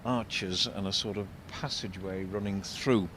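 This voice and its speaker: An older man giving unscripted commentary as an architect and local guide, discursive and explanatory, halting and repeating words. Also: steady tone, fairly bright tone. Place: outdoors in a shopping street. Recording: vehicle rumble, street noise. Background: faint street traffic rumble.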